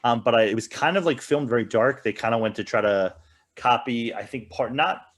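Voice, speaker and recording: A man with a medium-pitched, fairly quick voice co-hosts a podcast, chatting casually while reviewing movies and games.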